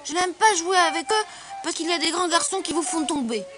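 A woman voicing a timid little schoolgirl who sounds shrill and tearful. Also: fairly quick. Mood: upset. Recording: hissy old storybook recording.

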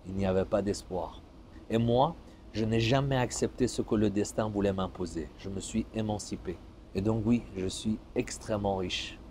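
A man in his forties from Iran, a fitness coach, talking in a calm, measured, motivational way. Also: on the low side, slight background noise. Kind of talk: vlog monologue answering viewer questions. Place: seated on an outdoor terrace, then driving a car.

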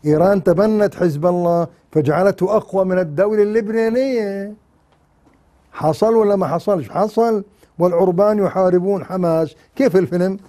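An older man, holding forth in a mocking, animated manner as a television commentator. His voice sits fairly high for a man yet sounds dark and mellow. He slips easily into sarcastic asides. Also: fairly quick. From Jordan. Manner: mocking, animated, mimics others in sing-song asides. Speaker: TV commentator, former university lecturer. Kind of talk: satirical political commentary.

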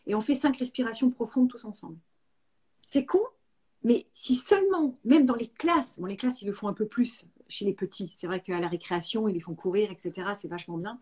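A woman in her forties talks in a lively, frank way, with a slightly husky voice, in the middle of her range. She speaks casually over a video call. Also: mid-range voice, fairly quick. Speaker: fitness coach guest. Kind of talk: casual webinar chat.

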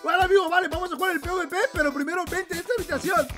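High teasing woman gamer host. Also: rapid-fire, loud music behind the voice. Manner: teasing, laughing, soothing with mock calm. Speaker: gaming video host. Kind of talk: gameplay prank commentary.

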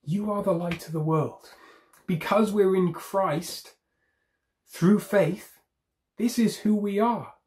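Male preacher, slightly high voice, emphatic, repeats key phrases, conversational. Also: slow, pauses often, a little mellow. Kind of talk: sermon.

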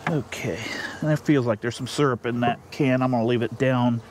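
A man, a beekeeper, explaining his steps in a casual, unhurried way while he works outdoors. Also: medium pitch, fairly even intonation, a little mellow, slight background noise. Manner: plain, unhurried, thinking aloud while working. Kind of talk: casual how-to narration. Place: outdoors beside a beehive. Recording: faint outdoor ambience with buzzing bees.

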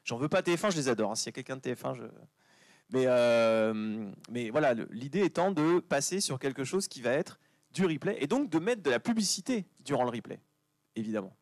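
A man speaking at a conference in a chatty, animated way, tossing jokes and asides to the audience. His voice sits in a middle range and sounds dry and close, with almost no room sound. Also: mid-range voice, brisk, no room sound. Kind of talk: lively conference talk. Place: conference venue.

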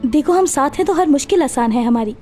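A woman's voice: high voice, lively intonation, brisk, mellow, faint music behind. An actress playing an earnest, insistent young fiancée in her twenties in a dubbed TV drama. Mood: affectionate. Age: 20s. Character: earnest, affectionate young fiancée, gently scolding.

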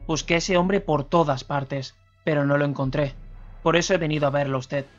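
Man doing remorseful ex-convict, calm, measured, earnest, dull radio sound, faint music. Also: fairly high pitch, close to an everyday voice.

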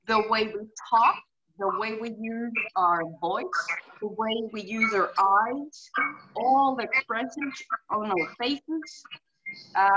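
Her voice fairly high and fairly bright, a middle-aged Finnish horse behaviorist with a Finnish accent joins a video call from indoors at home as a guest. She speaks earnestly, illustrating with examples and plenty of "you know"s, through muffled audio carrying a faint hiss.

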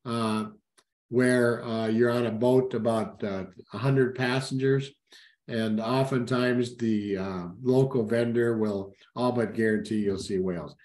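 A man's voice: medium pitch, fairly even intonation, unhurried, darkish tone. A middle-aged man, a cruise sales representative, talks through slides in an informal webinar, with many "uh" fillers and self-corrections. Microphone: webcam at a desk, video call. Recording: roomy webinar audio.

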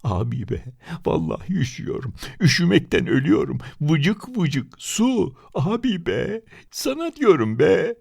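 Male reader playing a pleading shivering boy, high and whiny, story reading. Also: very animated, measured pace, gravelly, few pauses, breathy edge, full character voice. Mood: whining. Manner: whining, pleading.

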